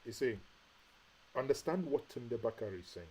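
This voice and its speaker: A Nigerian online commentary host gives impassioned live-stream commentary, straining his voice, repeating rhetorical questions, and saying he's shouting and has a headache. His mid-range voice is animated, husky, and a little mellow at normal speed, on a rough recording.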